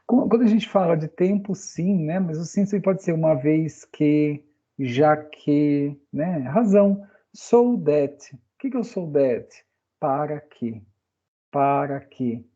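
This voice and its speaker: A Brazilian man gives a casual online English lesson, talking in a loose, chatty way and checking in with his listeners often. His voice is dark and mellow. The recording sounds a little dull and lo-fi. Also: fairly high pitch, lively intonation, slow. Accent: Brazilian Portuguese. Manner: chatty, frequent "né?" tag questions. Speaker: English teacher.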